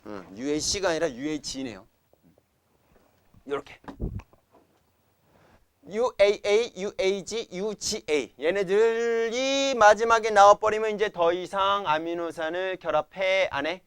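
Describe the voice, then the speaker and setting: A young man is lecturing a classroom, firing quick check questions at students and chanting silly mnemonics. His voice sits a little high. The sound is dry and close, with almost no room echo. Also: lively intonation, a bit bright, smooth. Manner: keeps quizzing students with repeated questions; playful chanting of memory tricks. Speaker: science teacher.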